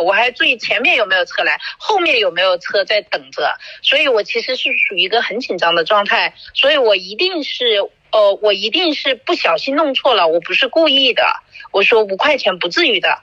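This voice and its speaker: A woman's voice: fairly high pitch, dry recording, dull audio. A woman hosting a podcast, recounting an argument in casual chat and acting out the quoted dialogue. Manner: animated storytelling, acts out quoted dialogue. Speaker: podcast host.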